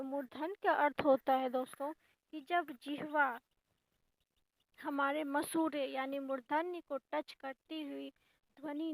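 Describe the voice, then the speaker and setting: A woman's voice: sits high, gravelly, dry recording, low-quality recording. A woman teaching a grammar lesson for exam preparation, explaining each point patiently, step by step.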